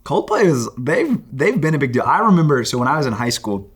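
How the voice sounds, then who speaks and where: A young man hosting a youth ministry show in casual chat, animated and upbeat, building up hype. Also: medium pitch, brisk, husky.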